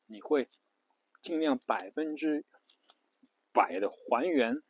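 Speaking slowly in a voice on the high side, a male English pronunciation teacher gives an informal lesson, often repeating himself, spelling letters, and restarting with fillers. The audio is dull with a little hiss or hum.

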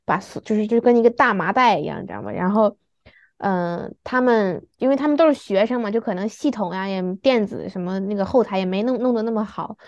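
Relaxed young woman telling an anecdote. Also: mid-range voice, fast talker, no echo, muffled recording. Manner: relaxed anecdotal, laughs often. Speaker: podcast co-host. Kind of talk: casual chat.

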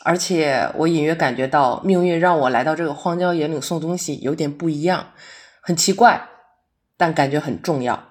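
In naturalistic audio drama dialogue, an actress portrays a chatty female flash-delivery courier who is straightforward, enthusiastic, earnest and a touch quirky. Her low, natural voice moves at a moderate pace. She comes across as quirky and agreeable, speaking in a colloquial, blunt, good-natured manner.

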